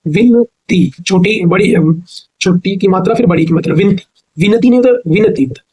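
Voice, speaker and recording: A male teacher with a North Indian Hindi accent giving an exam-prep grammar lesson, asking questions and answering them himself, slowly spelling words out syllable by syllable. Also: sits high, dark tone, slightly rough, rough recording. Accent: Hindi-speaking North India.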